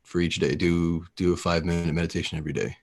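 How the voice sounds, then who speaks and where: A man's voice: low-pitched, little pitch movement, quick pace, a little mellow, a little hiss or hum. A man co-hosting a podcast, speaking reflectively in casual chat and searching for his words. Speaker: podcast co-host.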